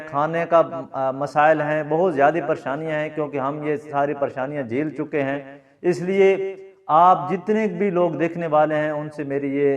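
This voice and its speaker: A man from Pakistan teaching a Korean lesson at a classroom board, explaining patiently and often asking if his students follow. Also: on the high side. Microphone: camera mic from a distance. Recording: distant, dull camera audio.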